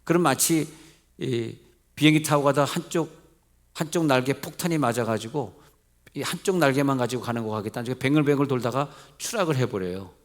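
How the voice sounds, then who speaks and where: A man's voice: medium pitch, fairly quick. A middle-aged male pastor with a Seoul accent, preaching a midweek church sermon in a conversational way, asking his congregation questions and joking lightly. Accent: Seoul Korean. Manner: mixes polite and plain speech, jokes lightly. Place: church sanctuary.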